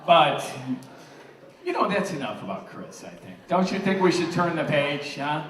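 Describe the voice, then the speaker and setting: Middle aged dad doing father of the bride speech, bit high voice, roomy noisy hall w crowd. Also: big pitch swings, moderate pace. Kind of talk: father of the bride speech, casual humorous storytelling. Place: large room with wedding guests. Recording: echoey noisy room, distant mic, crowd.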